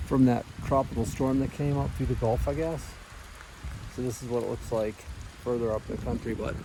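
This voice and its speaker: Man vlogging casually outdoors over noisy wind and rain. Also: mid-range voice. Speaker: hiker filming a trail vlog. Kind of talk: casual outdoor vlog narration. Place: outdoors on a mountain trail in wet, windy weather.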